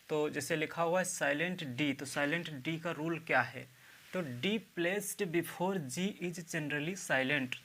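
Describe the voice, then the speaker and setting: A man's voice: fairly high pitch, pushed and bright. A man giving a video lecture on English spelling, spelling words out letter by letter and checking in with "theek hai" after each point. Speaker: English teacher.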